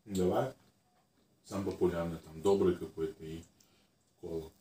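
A deep-voiced man chats casually over food, chewing as he talks. His tone is dark and relaxed, his phrasing halting. He is recorded in an echoey room. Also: distant mic. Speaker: co-eater answering questions. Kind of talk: casual chat while eating. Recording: roomy echo, some background noise.

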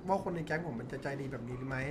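Brief: quick-talking male gang member, firm negotiator, mid-range voice. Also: mid-range voice, noisy background. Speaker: gang member in a role-play server. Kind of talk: in-character role-play chat.

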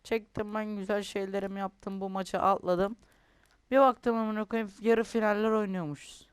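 A man's voice: high voice, flat delivery, normal speed, clear, resonant tone, dry recording. A young man commentating his own football video game, ranting and complaining with lots of swearing. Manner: frustrated, swears often, rants and complains. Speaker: gaming youtuber.

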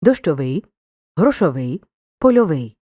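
Woman narrating a lively video lesson. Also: sits low, no echo, studio quality. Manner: clear, deliberate dictation of examples. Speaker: teacher.

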